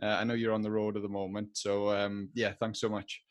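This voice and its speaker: A man with a strong South Wales accent hosting a podcast in a casual, informal, halting way. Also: fairly low pitch, little pitch movement. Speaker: podcast host. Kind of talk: casual chat, interviewing.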